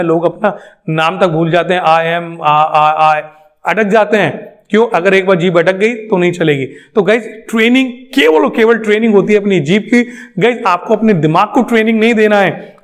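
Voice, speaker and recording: A male English trainer, lecturing a class emphatically and answering his own questions. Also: high-pitched. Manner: emphatic, repeats points, asks questions then answers them.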